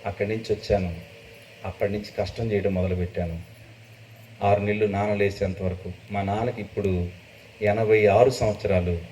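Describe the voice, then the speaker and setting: A middle-aged man preaching a testimony sermon, telling his story with emotion and rising to loud, high bursts. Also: steady tone, normal speed. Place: church gathering. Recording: distant dull mic with faint noise.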